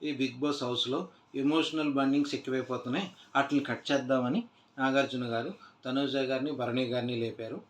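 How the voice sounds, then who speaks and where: A man's voice: medium pitch, steady tone, fairly quick. A man casually recapping a reality show episode, retelling scenes loosely with many "aa" fillers and restarts. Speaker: TV show reviewer. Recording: echoey room.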